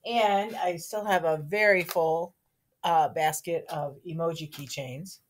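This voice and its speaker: A woman with a slightly low, hoarse morning voice reads the school morning announcements to a camera. She talks in a friendly, chatty way aimed at young children. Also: unhurried, a little hiss or hum. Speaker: school staff member giving announcements. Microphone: speaking to a camera.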